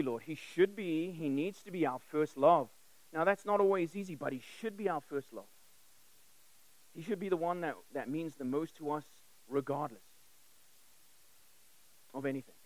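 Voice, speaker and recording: A man born in England and raised in South Africa preaches a sermon conversationally and emphatically, asking direct questions, repeating phrases, and sharing personal stories. His voice is fairly high, and the recording is rough with no echo.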